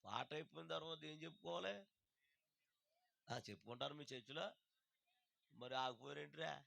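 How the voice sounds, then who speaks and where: A man with a Telugu accent preaching a sermon, calling on the congregation to answer him aloud and moving between loud drawn-out lines and quick low asides. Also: creaky, no room sound. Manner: call-and-response preaching, urging the crowd to answer loudly. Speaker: pastor.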